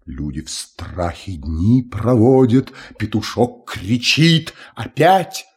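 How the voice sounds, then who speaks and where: Slow, husky male storyteller. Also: on the low side, animated, darkish tone. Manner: slow, sing-song recitation. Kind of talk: recited verse fairy tale.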